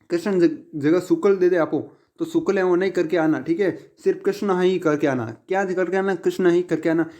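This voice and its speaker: Man teaching in a warm, mellow voice. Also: fairly high pitch. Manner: repetitive, asks and answers his own questions. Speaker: exam prep teacher. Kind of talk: casual exam-prep lesson.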